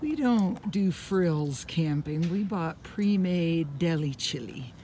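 A woman in her fifties talks slowly and chattily into a phone held at arm's length, giving a casual tour of her camper van and campsite. Her voice sits a little low and she laughs often. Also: lively intonation, dark tone, slight background noise. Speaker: vlogger. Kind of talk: casual travel vlog. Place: camp van and forest campsite.

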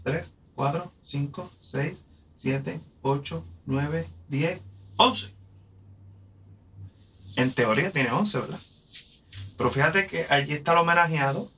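A man's voice: mid-range voice, sharp tone. A man from Puerto Rico with a Puerto Rican accent, teaching a poetry lesson, patiently explaining and counting syllables aloud. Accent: Puerto Rican Spanish.

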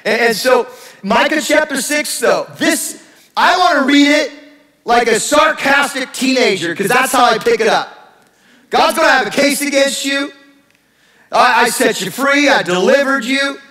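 A middle-aged male pastor giving a lively, joking sermon in a church. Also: extremely high pitch, unhurried, roomy sound, poor audio. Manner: animated, joking, acts out sarcastic voices. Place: church sanctuary.

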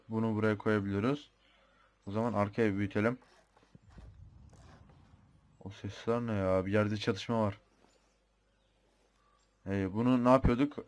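Low-voiced young man thinking aloud while gaming. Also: a little mellow. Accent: Turkish. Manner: chatty, thinks aloud, mutters and swears mildly. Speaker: gamer. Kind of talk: casual gameplay commentary.

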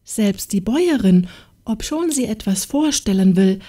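A woman voicing a humble, gentle young peasant maid in a fairy tale audiobook, speaking timidly and pleadingly. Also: medium pitch, expressive, a little slow, voice pushed up. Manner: timid, pleading, soft-spoken.

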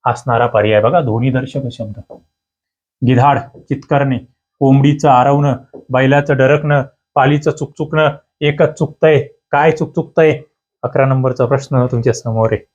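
A man with a fairly high voice teaches an exam-prep lesson, bouncing between questions and answers with emphatic energy. The recording sounds dull and lo-fi, muffled in the highs. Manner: lively, emphatic, frequent rhetorical questions.

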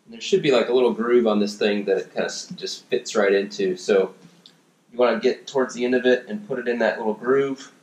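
A man's voice: mid-range voice, brisk. Man demonstrating a DIY project in an echoey home gym. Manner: relaxed instructional, many fillers and restarts; working with his hands while talking. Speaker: fitness coach. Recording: echoey room.

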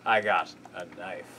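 A man's voice: low-pitched, sharp tone. A man playing a video game, making playful remarks and laughing as he goes, in a noisy recording. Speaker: player. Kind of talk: casual gameplay chat. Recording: noisy gameplay session audio.

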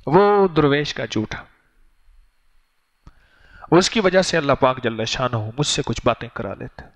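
A man giving a sermon, with storytelling passages and slow, chanted litanies. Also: medium pitch, animated. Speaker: religious teacher.

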